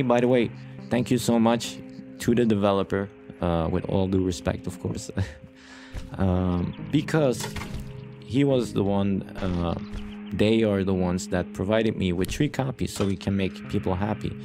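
A man with a lowish voice at normal speed provides casual let's play commentary as a gaming YouTuber host, music playing behind him. Tired from lack of sleep, he wanders playfully and repeats himself often.

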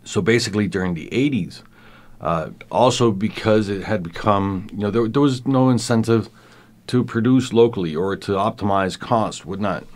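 This podcast guest, a professor in his fifties, has a fairly low-pitched voice and a Venezuelan Spanish accent from a childhood in Venezuela, though he is Argentine. In the casual interview he speaks thoughtfully, pausing frequently and restarting.

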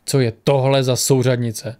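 A gruff middle-aged mercenary and father, read by a male narrator, who presses with impatient questions. His voice is a touch lower and slower than the telling. Audiobook reading. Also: flat delivery, warm tone, lightly acted.

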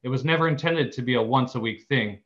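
A man's voice: medium pitch, quick pace, a bit bright. A man minister giving a sermon in a storytelling, read-aloud manner, now and then correcting himself. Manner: storytelling, reading aloud with small self-corrections. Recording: slightly dull lo-fi church recording.

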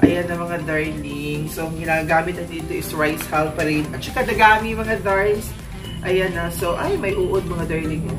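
A woman's voice: lowish voice, steady tone, moderate pace, over loud music. A woman chatting casually to her viewers as a plant vlogger, giggling often as she talks. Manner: chatty, warm address to viewers, frequent giggles. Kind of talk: casual chat. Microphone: clip or handheld mic in later part.

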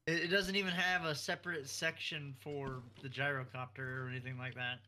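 A man's voice: mid-range voice, flat delivery, fairly quick, pushed and bright, a little hiss or hum. A man chatting while gaming, rambling and restarting his sentences as he explains things. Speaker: gamer. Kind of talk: casual multiplayer gameplay chat.

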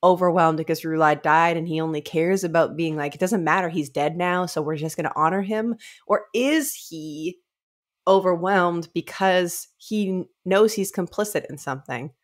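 A woman in her thirties co-hosts a podcast, casually discussing a novel and talking through its story at normal speed. Her voice sits a little low, and she speaks informally into a close studio microphone from a small indoor room over a remote video call, sometimes acting out characters' lines.

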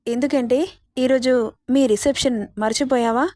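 A woman's voice: high-pitched, fairly even intonation, normal speed, dark tone, no echo, studio quality, natural voice. A woman reading the lines of an aunt-in-law who fusses over a bride and chatters worriedly to herself. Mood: fussing.

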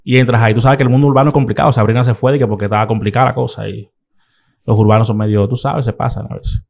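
A man's voice: mid-range voice, fairly even intonation, very fast, gravelly, a little mellow, lo-fi sound. Man hosting an interview. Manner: encouraging, short backchannels. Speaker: interviewer host. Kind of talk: casual interview.

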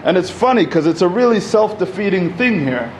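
At a podium microphone in an indoor community center hall, a panel speaker from Egypt in his thirties talks without a script. His slightly high voice has a sing-song lilt, and he speaks a little fast in a loose, conversational way with many fillers and restarts. Faint hiss and room noise run under the recording.

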